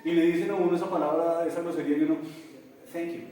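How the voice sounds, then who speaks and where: Profesor colombiano animado en un aula con eco. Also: male voice, a little high, racing. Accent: Colombian Spanish. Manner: animated, addresses students with Colombian slang. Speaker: English teacher. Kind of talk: classroom lesson. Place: classroom. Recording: echoey classroom, from far off.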